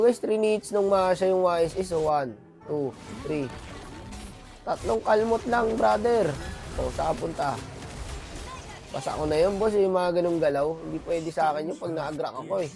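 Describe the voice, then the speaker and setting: Hoarse man giving casual game commentary. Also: high-pitched, darkish tone. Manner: chatty, slangy, addresses viewers often. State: hoarse from a cold. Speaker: gaming commentator.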